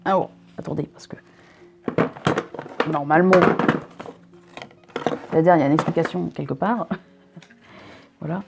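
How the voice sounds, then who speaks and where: With a deep, gravelly voice, a young woman from northern France near Belgium talks through unboxing a subscription box for her vlog at a measured pace, pausing often. She is chatty and jokey, frequently breaking off her sentences for asides. The background is noisy.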